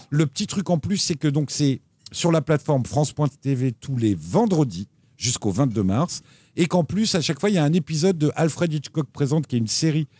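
A man co-hosting a casual chat show about TV and streaming picks, talking in an animated way with lively jumps in pitch. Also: dry recording. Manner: animated, lively pitch swings, frequent restarts. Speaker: co-host recommending TV shows.

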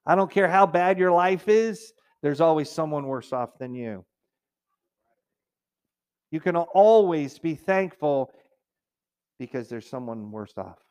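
A man's voice: on the high side, lively intonation, slow pace, pauses often, darkish tone, clear, resonant tone. A middle-aged man preaching a sermon as pastor, in a conversational way, now and then mimicking complainers in a raised whiny voice.

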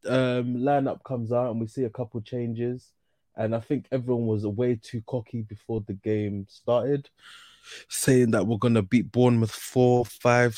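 A man's voice: lowish voice, darkish tone, no room sound, studio quality. A young man with a slangy London roadman accent, hosting a casual football chat. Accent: London, urban street slang. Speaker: host of a football discussion show.

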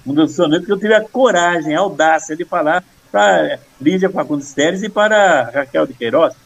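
An older man in casual conversation, earnestly explaining poetry and reciting verse with a steady rhythm. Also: a little high, moderate pace, vocal fry, poor audio. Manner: earnest, rhythmic when reciting, many restarts. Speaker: poet guest.

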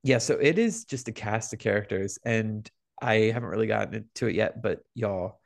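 Gravelly man chatting on a podcast. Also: on the low side, moderate pace. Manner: animated, gossipy storytelling. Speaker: podcast co-host. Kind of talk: casual podcast chat.

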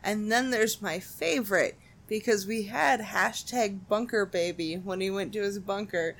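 Young adult woman, podcast co-host, profane, fast, sardonic storyteller. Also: mid-range voice. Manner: profane, fast storytelling with mocking quoted voices. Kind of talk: casual chat.

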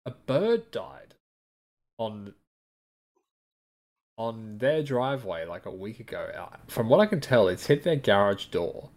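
A man with a fairly low voice chatting on a podcast. He tells his story in a laid-back, wry way and swears now and then. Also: big pitch swings, a little slow, long pauses, darkish tone. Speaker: podcast co-host. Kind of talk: casual chat, storytelling.

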